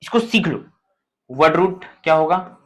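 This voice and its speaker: A man's voice: fairly high pitch, lively intonation, unhurried. A man teaching a chemistry lesson, explaining step by step and checking in often with the students in a colloquial, matter-of-fact way. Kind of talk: classroom lecture.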